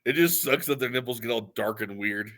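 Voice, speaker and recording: A man's voice: mid-range voice, brisk, fairly bright tone. A man co-hosting a podcast, teasing his friend in casual crude chat and laughing often. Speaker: podcast co-host.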